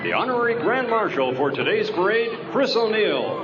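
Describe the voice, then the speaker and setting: A man's voice: sits high, big pitch swings, normal speed. An American man making formal public-address announcements as a parade announcer. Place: outdoors along a parade route. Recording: echoey dull loudspeaker sound, very noisy crowd. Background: loud crowd and street noise.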